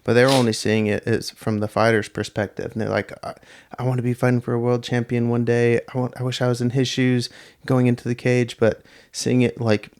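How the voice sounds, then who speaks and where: A man's voice: mid-range voice, fairly quick, smooth. A man hosting a casual podcast interview, reacting briefly and reflecting on his guest's story. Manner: brief reactions, then reflective, flat delivery. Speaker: podcast host.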